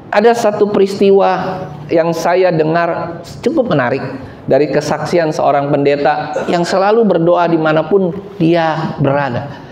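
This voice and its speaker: A man's voice: measured pace, gravelly, a little hiss or hum. A middle-aged man preaching a sermon, telling stories animatedly and speaking directly to his congregation. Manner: animated storytelling, voices quotes higher. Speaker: pastor. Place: church hall. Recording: echoey church hall, slightly dull sound.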